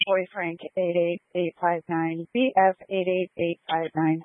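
A man's voice: high-pitched, flat delivery, a little slow. A man speaking as a police officer calling in over radio, procedural and precise. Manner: procedural, spells out letters and numbers. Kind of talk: police radio call-ins. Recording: narrow, muffled two-way radio transmission.

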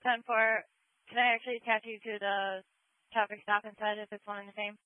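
A woman's voice: mid-range voice, level tone, no room sound. Woman dispatcher over police radio. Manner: brisk, clipped radio codes. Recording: narrow-band dry radio transmission.

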